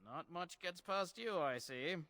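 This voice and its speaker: An actor playing a sarcastic, condescending bandit leader who poses as a polite toll collector in a fantasy game. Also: male voice, sits high, lively intonation, measured pace, crowd noise. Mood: exasperated. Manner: mock-polite, dry, condescending. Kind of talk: fantasy video game acting.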